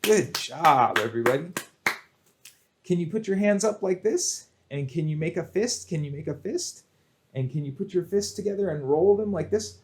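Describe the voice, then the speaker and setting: Expressive and at normal speed, this librarian hosts a children's storytime of action songs and picture books, his high-leaning voice exaggerated and sing-song as he encourages the young listeners. A little hiss or hum runs under the recording.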